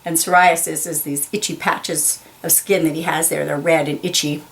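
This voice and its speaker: A woman with a low-pitched, gravelly voice and a steady tone reads aloud from a children's picture book. She proceeds slowly and deliberately, carefully emphasizing key words and explaining them simply for young listeners.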